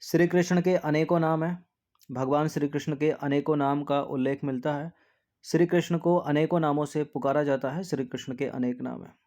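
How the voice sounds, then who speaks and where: A man teaching an exam practice lesson, repeating words to drill spelling, often dropping to a soft low aside after each answer. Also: steady tone, moderate pace.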